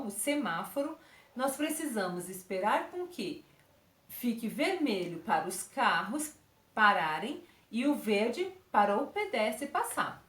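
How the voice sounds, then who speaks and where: Brazilian woman, primary teacher for small kids, lively up-and-down delivery. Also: fairly high pitch, reverberant. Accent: Brazilian Portuguese. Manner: speaks to children with diminutives and frequent check-ins. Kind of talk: recorded online lesson for young children.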